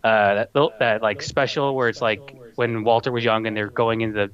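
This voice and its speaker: A man's voice: fairly low pitch, steady tone, normal speed, a bit bright, lo-fi sound. A man co-hosting a casual late-night chat who rambles and laughs between thoughts. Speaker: podcast co-host.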